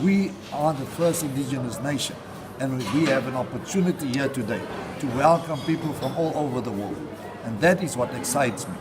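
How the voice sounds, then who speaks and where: A man's voice: medium pitch, heavy background noise. A man speaking fervently about a celebration, building up lists of repeated phrases. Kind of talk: interview statement. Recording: outdoors with a loud crowd behind.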